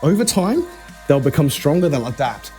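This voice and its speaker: A man's voice: fairly high pitch, very animated, moderate pace. A man coaching a live workout in a casual, conversational way, cueing exercise moves step by step. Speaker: fitness coach. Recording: music behind the voice. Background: music.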